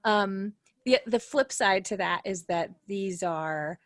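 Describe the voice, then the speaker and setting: A woman in her thirties, one of a podcast's cast members and players, talks casually in a mid-range voice at a slow pace. She comes across as giggly and self-deprecating, and the dry recording is studio quality.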